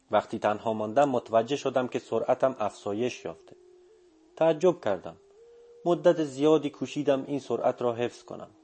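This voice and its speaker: A man narrating a story in a calm, measured reading voice. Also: medium pitch, husky. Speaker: audiobook narrator. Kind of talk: scripted narration.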